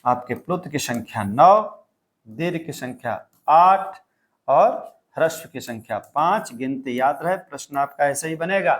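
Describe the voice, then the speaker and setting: Male tutor, slightly high pitch, patient step-by-step exam-prep explainer. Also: expressive, unhurried. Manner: explains step by step, repeats key points. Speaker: teacher.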